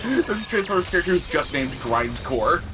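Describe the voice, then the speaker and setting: A man's voice: on the high side, big pitch swings, fairly quick. A man chatting casually over gameplay as a co-commentator, with a geeky, playfully enthusiastic manner. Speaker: co-commentator on a game stream. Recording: game music behind the voice. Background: game music.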